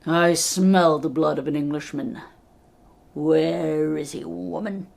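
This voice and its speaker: A woman doing a slow booming giant. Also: steady tone, vocal fry, darkish tone, heavily acted. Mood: menacing. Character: huge gruff male giant, menacing.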